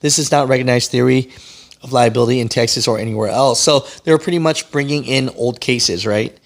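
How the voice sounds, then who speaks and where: A man with a medium-pitched, brisk voice hosts a trucking news channel, reading and explaining stories. He is casual, opinionated and conversational, often checking in with "right?" and "you know".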